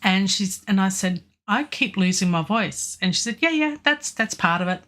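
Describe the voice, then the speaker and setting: This is an Australian woman casually discussing a track mix on a live music-production stream, wandering off with ums and restarts. A virus has left her with a weak voice and lingering cough, yet her mid-range delivery has lively intonation, a moderate pace and a slightly bright quality.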